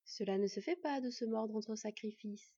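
A smooth-talking male hunter villain who speaks slowly and coaxingly, mocking his prey with false kindness, as a woman reading aloud plays him. The voice is breathy and dry, with a slightly dull sound. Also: fairly high pitch, dark tone, dry recording.

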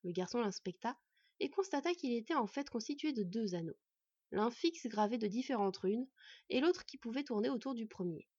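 A woman narrating a fantasy audiobook in an even, measured reading. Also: fairly high pitch, slightly rough, dry recording, muffled recording.

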